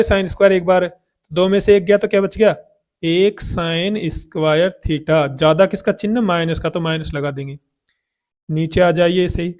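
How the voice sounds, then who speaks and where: A man's voice: high-pitched, darkish tone. A man teaching a math lesson, asking questions and answering them himself.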